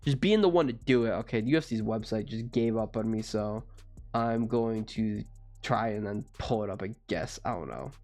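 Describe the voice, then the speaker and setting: A man's voice: lowish voice, normal speed, darkish tone. A young man in his twenties, rambling through casual fight predictions with lots of self-corrections. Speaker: MMA fight previewer.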